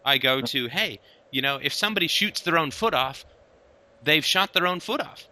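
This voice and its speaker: A man's voice: on the high side, animated, moderate pace, sharp tone. A man hosting a casual conversation, talking emphatically and often checking in with "right?". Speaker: host.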